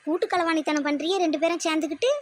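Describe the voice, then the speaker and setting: A woman's voice: extremely high pitch, steady tone, rapid-fire. Woman as an indignant put-upon daughter-in-law. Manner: indignant, sarcastic. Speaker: narrator and voice artist. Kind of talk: cartoon voice acting.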